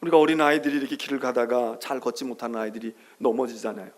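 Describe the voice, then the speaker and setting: A middle-aged male pastor preaching a sermon, swinging between loud calls and hushed whispers and acting out soothing quoted voices. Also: medium pitch, steady tone, racing. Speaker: senior pastor.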